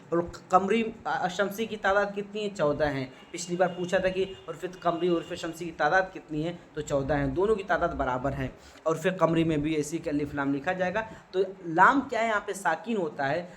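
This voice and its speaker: A man's voice: high voice, a little hiss or hum. Patient male teacher quizzing himself aloud. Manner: explains patiently, asks himself questions and answers them. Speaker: Urdu teacher. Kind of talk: exam-prep grammar lesson.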